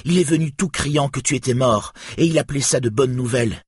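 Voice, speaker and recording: A man voicing a shrill, hostile village woman who accuses a rival, in an audiobook reading. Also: a little fast, husky, dry recording, studio quality. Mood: shrill accusing. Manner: strident, accusing.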